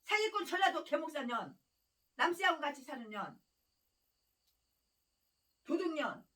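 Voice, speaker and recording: A woman's voice: high-pitched, big pitch swings, a little slow, fairly bright tone, far from the mic. A woman pastor preaching a sermon in a fiery, scolding way, hammering on repeated phrases and breaking into harsh, angry rants. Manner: harsh angry ranting with insults.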